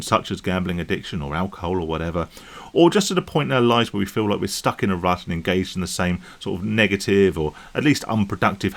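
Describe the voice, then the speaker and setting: Rambling man, low voice. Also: fairly bright tone. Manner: rambling, conversational, checks in with "right?" and "okay?". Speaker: YouTube vlogger on gambling recovery. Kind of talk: casual monologue to camera.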